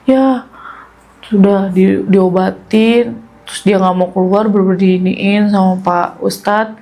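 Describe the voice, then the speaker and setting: A woman's voice: mid-range voice, fairly even intonation, measured pace, dark tone, low-quality recording. A woman casually telling a personal ghost story to a podcast host, chatty, often turning to address him. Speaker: guest storyteller.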